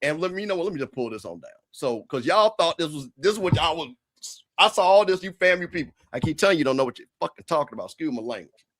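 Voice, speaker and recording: A man's voice: fairly high pitch, animated, very fast, fairly bright tone. A man hosting a casual sports talk show, brash and scolding as he corrects his listeners. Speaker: show host.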